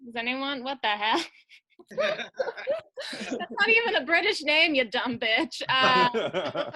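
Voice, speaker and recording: A comedian playing a blunt, irreverent grown-up witch, talking in a crude deadpan way. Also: a little high, slow pace, dry recording, exaggerated voice. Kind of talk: cosplay stand-up character bit.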